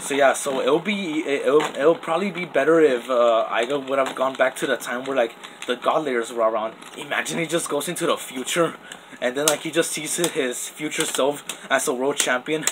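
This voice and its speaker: Background noise accompanies this medium-pitched young man speaking at normal speed as he runs toy top battles off camera. Possibly a teen, the channel host rambles casually, with many restarts and plenty of "like" and "literally."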